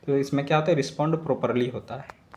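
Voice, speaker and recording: A young man tutoring students, reading English quiz questions aloud slowly and explaining each answer. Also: mid-range voice. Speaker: exam prep tutor.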